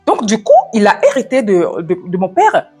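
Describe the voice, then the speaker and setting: A woman with an African French accent giving a fast, loud, energetic devotional talk and swallowing some of her words. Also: mid-range voice, husky, faint music behind.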